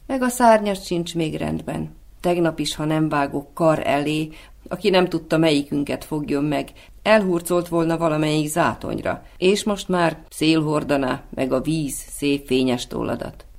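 A man reading the lines of a brave, protective male swallow in a storybook, in a calm, gentle manner. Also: fairly high pitch, creaky.

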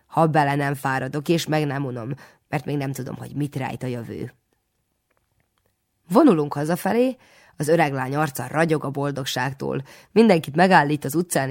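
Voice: mid-range voice, vocal fry, a little mellow. An audiobook narrator reading a first-person children's story with a wry, dry humor.

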